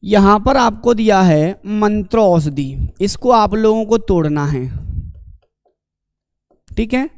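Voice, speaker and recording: A man's voice: high voice, expressive, takes it slowly, long pauses, no room sound, clean studio sound. A man teaching an online exam-prep lecture, asking the class questions and answering them himself, calling the students his dear companions.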